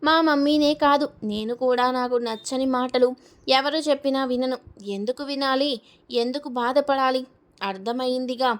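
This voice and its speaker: A woman voicing a proud, sharp-tongued young bride in a storybook reading, blunt and defiant. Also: high-pitched, normal speed, lightly acted.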